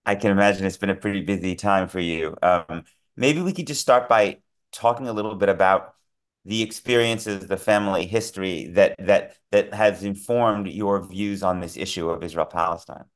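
Low-voiced male podcast host. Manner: polite, measured questioning. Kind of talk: podcast interview.

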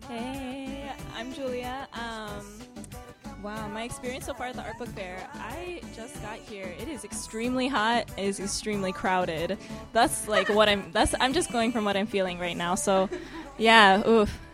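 A woman co-hosting a radio chat from a hot, crowded art fair, talking in a relaxed, easygoing way. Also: on the high side, unhurried, music in the background. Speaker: co-host. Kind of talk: casual chat.

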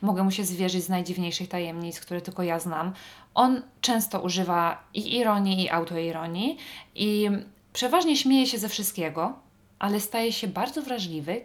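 A Polish woman hosting a podcast, talking in a chatty, wry monologue with frequent fillers. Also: fairly low pitch. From Poland. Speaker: podcast host. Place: northern Norway.

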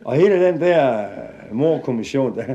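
A man tells a funny anecdote to a live audience in a lively, chuckling way. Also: medium pitch, highs cut off. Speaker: storyteller. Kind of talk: comic storytelling to a live audience.

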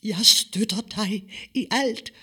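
A man voicing a gentle, doting hippie mother in a high falsetto, slow and solemn. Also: breathy edge, exaggerated voice.

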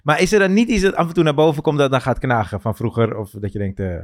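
A man's voice: mid-range voice, fast talker. A man hosting a podcast, asking questions with curiosity in casual chat. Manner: inquisitive, laughs easily. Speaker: podcast host.

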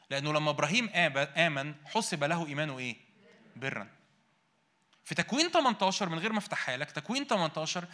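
Fast, bright-voiced Egyptian preacher man. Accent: Egyptian Arabic. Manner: emphatic, asks the congregation questions and answers them himself; swings between loud bursts and quiet, low-voiced asides. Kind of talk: sermon.

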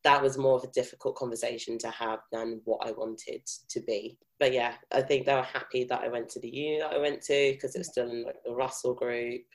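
A young woman with a soft South London accent speaks as an interview guest. She tells personal stories in a candid, casual way, with informal, unpolished phrasing. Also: a bass voice, steady tone, a little fast, hardly any pauses, low-quality recording. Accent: mild South London. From South London, England. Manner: informal, frequent swearing and filler "like".

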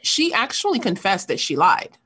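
A woman's voice: mid-range voice, big pitch swings, moderate pace, a bit bright, husky. A woman in casual discussion, speaking earnestly and thinking aloud with frequent fillers.

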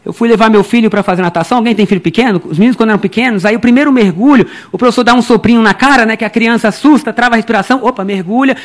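A man preaching a lively, humorous sermon in a church, chatting with his listeners and calling them brother. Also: sits high, very fast, few pauses. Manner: acts out quoted people in his stories. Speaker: pastor.

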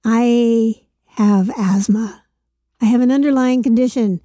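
A woman co-hosting a podcast in casual chat, with a gravelly voice from a chest infection. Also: a little high, slow pace, warm tone, dry recording, clean studio sound. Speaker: podcast co-host.

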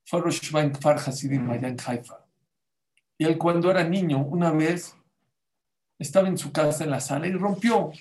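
A man preaching a sermon with a somewhat raised voice. He tells stories with animation and plays the people he quotes. He keeps checking in with his listeners through direct questions. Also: fairly high pitch. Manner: storytelling, animated, acts out quotes; addresses audience with questions. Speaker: rabbi. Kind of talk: Torah sermon.

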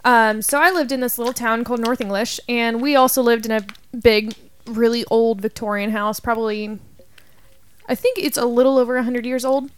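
A young woman on a casual podcast, with a somewhat high voice. She tells her story chattily, wandering a little and adding fillers as she goes. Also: fairly even intonation, moderate pace, clean tone.

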